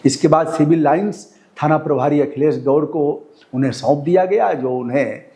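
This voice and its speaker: A man's voice: fairly high pitch, moderate pace, warm tone. A male news commentator reading a report and breaking off to scold the police directly in an indignant tone.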